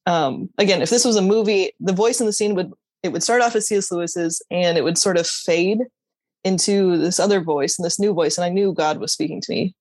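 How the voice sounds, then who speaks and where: A woman's voice: fairly low pitch, brisk, darkish tone, no echo. A woman telling her personal faith story as an interview guest, earnest and candid, stopping and restarting her sentences and laughing now and then. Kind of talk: personal faith testimony in conversation.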